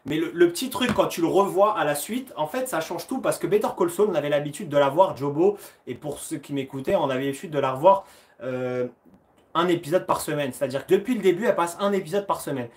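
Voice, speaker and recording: A friendly, chatty man hosts a live question-and-answer stream, talking straight to his viewers. His voice sits a little high for a man, and he speaks into his phone in an easygoing coaching tone. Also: expressive, fast. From France. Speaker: karate coach hosting a live Q&A. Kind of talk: casual live-stream chat.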